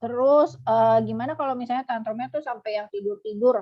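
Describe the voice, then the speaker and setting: A woman's voice: fairly high pitch, fast. Woman moderator reading questions on a muffled call. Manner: friendly, reads audience questions with many fillers. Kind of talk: webinar moderation. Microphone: video call. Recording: muffled online call audio.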